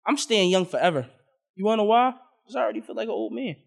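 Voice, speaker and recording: A young man with a notably high voice co-hosts a podcast. He tells loud, crude, joking stories, and his talk stays casual and rough. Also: very animated, fast. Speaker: podcast co-host. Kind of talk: casual chat.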